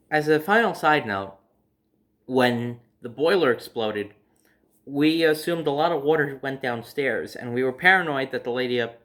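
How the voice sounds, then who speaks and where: A man with a medium-pitched, slightly bright voice hosts his own video series, telling personal stories casually to his viewers. He keeps it conversational and acts out his reactions along the way.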